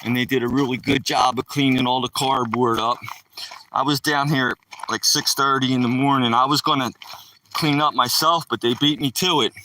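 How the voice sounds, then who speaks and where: A middle-aged Philadelphia man with the local accent rambles casually to viewers on a live stream, addressing them directly as he walks by a rural lake. His mid-range voice is sharp, with fairly even intonation and normal speed. The phone he holds is far from his mouth, giving a low-quality recording with a little hiss or hum.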